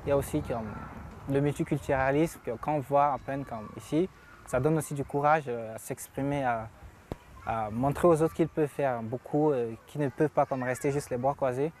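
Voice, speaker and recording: A man's voice: mid-range voice, normal speed, darkish tone, slight background noise. A young man speaking earnestly in a documentary interview as a newcomer youth, with a few hesitant fillers.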